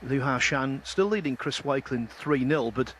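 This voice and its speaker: A man commentates live on snooker in a mid-pitched voice. His phrasing is polished and articulate, in the manner of a broadcast match caller. A faint bed of venue ambience sits behind him. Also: animated, moderate pace, a little hiss or hum, poor audio.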